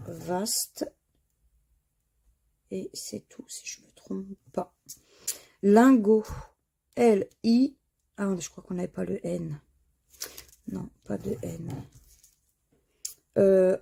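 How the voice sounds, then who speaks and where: A woman with a gravelly, husky voice talks slowly through her scratch tickets. Her tone is dark and mellow as she spells out letters one by one and sighs at the misses in casual commentary. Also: medium pitch. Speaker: scratch card vlogger.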